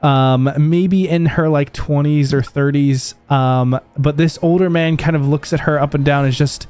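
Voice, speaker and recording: A man running a tabletop game as game master, narrating in a relaxed way with many pauses and fillers. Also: fairly high pitch, smooth, no room sound, faint music behind. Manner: relaxed, many ums and kind-ofs.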